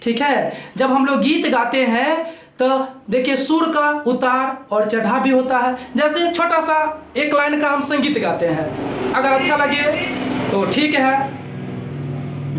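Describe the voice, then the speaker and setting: A man's voice: extremely high pitch, animated, a little slow, background noise. A male teacher explaining a grammar lesson, repeating each point and asking and answering his own questions. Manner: repetitive, explanatory, asks questions and answers them himself. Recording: roomy echo.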